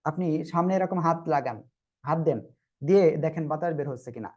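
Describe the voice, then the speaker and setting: In an online group lesson, a Quran teacher slowly and patiently pronounces letters, then has everyone say them back together. The mid-range voice comes through with lo-fi sound.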